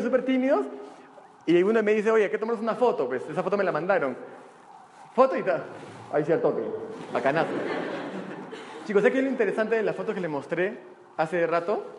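A Peruvian man with a slightly high voice speaks at a live seminar, energetic and full of jokes as he rallies his audience. His voice carries through a roomy hall with a long reverb tail. A faint hum of room noise sits behind him. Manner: energetic and joking. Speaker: motivational speaker. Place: large hall before an audience.

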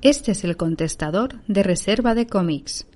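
A woman's voice: mid-range voice, expressive, measured pace, darkish tone. A woman speaking a formal, polite answering machine greeting, played back as a recording.

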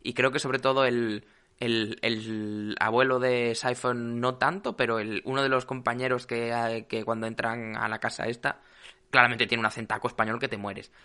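A man's voice: mid-range voice, little pitch movement, normal speed, bright, forceful tone. A man, co-hosting a podcast in casual chat, rambling with lots of fillers and restarts.

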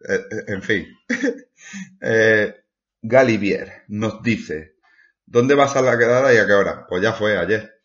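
Man hosting a podcast, low voice, crude jokes, muffled lo-fi sound. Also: fairly bright tone. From Ciudad Real, Spain. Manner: crude, joking, drawn-out fillers. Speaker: podcast host. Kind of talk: casual banter, reading listener comments. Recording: dull lo-fi podcast audio.

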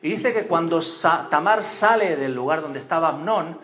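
A pastor preaching a sermon in church, telling stories with acted-out voices and questions to the congregation. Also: male voice, on the high side, moderate pace. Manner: animated storytelling, acts out voices and cries, asks the congregation questions.

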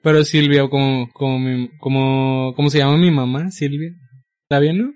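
A man's voice: mid-range voice, steady tone, moderate pace, a little mellow. A man, joking and laughing through a casual podcast chat with friends. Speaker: podcast co-host.

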